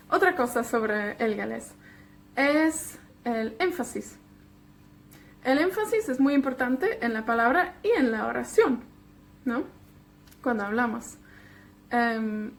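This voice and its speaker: Woman, Welsh-born teacher, high voice, slow careful delivery, patient repetition. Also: slight background noise. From Wales. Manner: patient, repeats words slowly with check-ins. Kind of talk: beginner language lesson.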